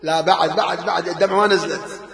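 A man's voice: high voice, fairly even intonation, quick pace, gravelly, a crowd in the background. A man preaching a mourning sermon, drawing his words out into a wailing chant.

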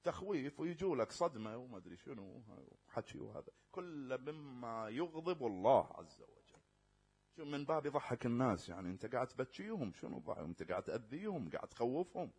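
A man preaching a religious sermon in a casual spoken style. He swings between loud, rising stresses and quiet, low asides, draws out scripture slowly, and keeps checking that his listeners follow. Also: very animated, breathy edge. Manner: slow drawn-out recitation of scripture; addresses listeners directly and checks they follow.

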